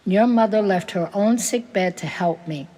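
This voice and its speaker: A woman's voice: mid-range voice, normal speed, mellow, long reverb tail, close to an everyday voice. Woman reading as a tender grieving farm widow. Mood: wistful.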